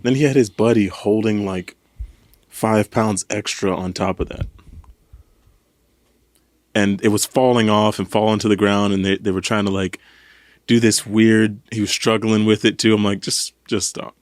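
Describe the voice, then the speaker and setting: A man's voice: on the low side, normal speed, pauses often, no room sound. A man casually telling a story on a podcast, acting out what people said. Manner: animated storytelling, acts out quotes. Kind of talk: casual chat.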